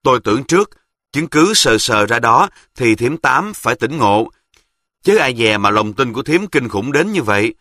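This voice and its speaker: A man with a Southern Vietnamese accent narrating a story in a plain, lively way. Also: mid-range voice, moderate pace, no echo, clean studio sound.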